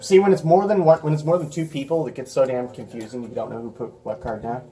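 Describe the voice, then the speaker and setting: Man, mid-pitched voice, casual slangy rambling, laughs readily, noisy clicky recording. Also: fairly even intonation, quick pace. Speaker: card game player. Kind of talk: casual chat.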